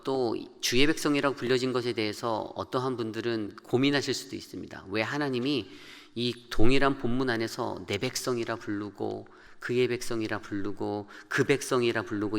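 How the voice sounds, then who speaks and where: Male pastor, sermon delivery, bright and forceful tone, earnest and measured, church reverb. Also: medium pitch, gravelly. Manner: earnest, measured, quotes scripture slowly and pleads in quoted prayer. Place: church sanctuary.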